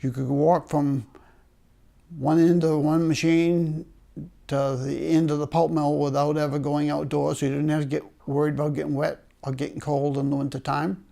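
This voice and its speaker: Gravelly older man with a Maine accent. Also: on the high side, little pitch movement, normal speed, dark tone. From Maine, United States. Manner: wry, understated humour with chuckles. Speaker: retired paper mill worker being interviewed. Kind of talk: oral history storytelling.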